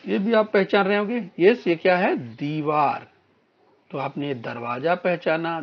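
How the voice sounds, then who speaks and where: A man teaching a recorded lesson to young children, reading words slowly and clearly for them to repeat. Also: a little high, muffled recording. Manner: slow, drawn-out word-by-word reading for children to repeat. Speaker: primary school teacher.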